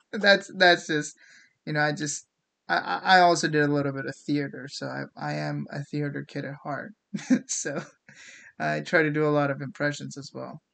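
The show's host, a speaker of unclear sex from India, rants casually and opinionatedly in an American accent with Indian traces. The voice is medium-pitched, bright, creaky, and forceful, with a flat delivery, moderate pace, and frequent pauses. The style is theatrical and sarcastic, with swearing and acted-out mock quotes.

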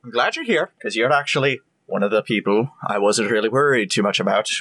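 A man's voice: fairly low pitch, animated, brisk, a bit bright. A man voicing a crafty male goblin hiding in human disguise, chatty and hesitant. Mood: casual.

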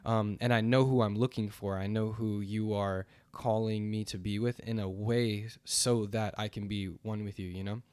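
A man's voice: lowish voice, little pitch movement, moderate pace, few pauses, darkish tone, clear, resonant tone, no room sound. A young man sharing a faith testimony in casual chat, earnest and rambling, with many fillers and restarts.

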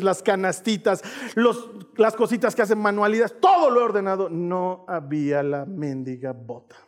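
A middle-aged male pastor, preaching a sermon and telling stories with voiced quotes, calling on the congregation to read along. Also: sits high. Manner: storytelling with voiced quotes and audience call-and-response.

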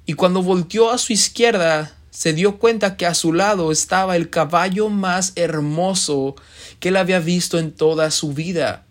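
A man preaching a sermon, telling a parable with dramatic pauses and voicing the characters in it. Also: sits high. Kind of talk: sermon storytelling.

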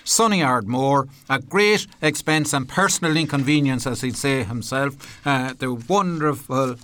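A man with an Irish accent hosting a radio programme from a studio, presenting in an unhurried, courteous, slightly hesitant way. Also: medium pitch, a bit bright. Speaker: radio host. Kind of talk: radio presenting, part prepared narration, part chat.

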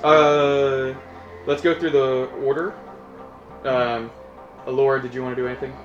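A man's voice: mid-range voice, level tone, normal speed, muffled recording. Echoey-voiced man running a tabletop game. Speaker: game master. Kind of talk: improvised tabletop game narration. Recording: echoey room, loud music behind.

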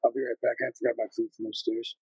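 A man's voice: medium pitch, level tone, rapid-fire, darkish tone, breathy edge, no echo, highs cut off. A man chatting casually with a group of friends as a gaming podcast regular.

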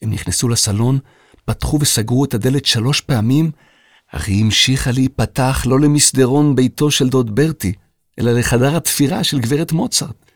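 A man narrating a scripted children's story with expressive, animated delivery. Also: mid-range voice, no echo, studio quality.

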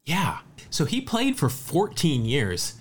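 A man's voice: on the high side, slow pace, a little hiss or hum. A man co-hosting a casual sports podcast, reeling off statistics with a light, chatty manner. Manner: lively, rattles off stats. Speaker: podcast co-host.

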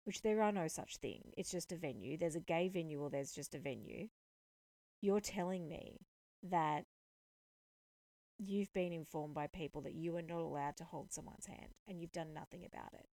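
A woman hosting a podcast, retelling a personal story in a lively, indignant way and voicing the dialogue. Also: low voice, brisk, few pauses, dry recording. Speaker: podcast host. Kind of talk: storytelling monologue.

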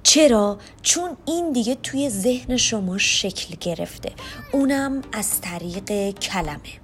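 A woman's voice: mid-range voice, animated. A woman hosting a podcast lesson on French pronunciation, explaining step by step and talking directly to her listeners. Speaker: podcast host teaching French.

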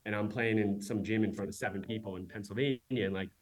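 A man in his forties, a company founder, talking casually as a guest and telling quick stories with many asides. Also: lowish voice, fairly even intonation. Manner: quick, chatty storyteller with many "right?" asides. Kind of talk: casual interview talk.

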